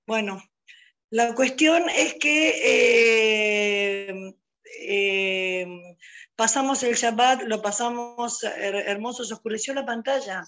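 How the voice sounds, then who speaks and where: A woman's voice: fairly high pitch, slow pace. A woman with an Argentine accent telling a personal story over a video call, acting out the dialogue as she goes. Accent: Argentine Spanish. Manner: lively retelling, acting out quoted dialogue. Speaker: storyteller sharing a personal testimony.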